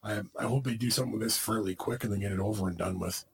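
A man's voice: lowish voice, racing, creaky, rough recording. A man co-hosting a podcast, chatting casually about wrestling in a rambling way with many restarts. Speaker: podcast co-host.

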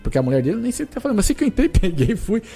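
Fast-talking Brazilian man telling stories. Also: sits high, faint music behind. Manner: animated, repetitive, acts out dialogue. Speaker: guest, footballer. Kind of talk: casual storytelling.

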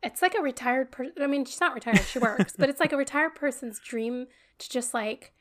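A woman with a slightly high voice chats loosely as a podcast co-host. She rambles, stalls on words with frequent ums and trails into laughter. Her delivery is relaxed and unscripted. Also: brisk. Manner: laughs often. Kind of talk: casual sibling chat.

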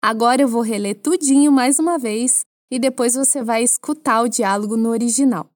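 Brazilian female language teacher, bright high register, dead-dry studio read, clear and patient. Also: a little fast, no echo. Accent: Brazilian Portuguese. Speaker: French teacher. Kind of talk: language lesson for Portuguese speakers.

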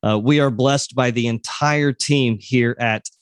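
A man's voice: medium pitch, fairly even intonation, a little slow, dry recording, studio quality. A man from Oklahoma with an American accent, hosting a podcast in a casual, appreciative and encouraging way. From Oklahoma, USA. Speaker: podcast host.

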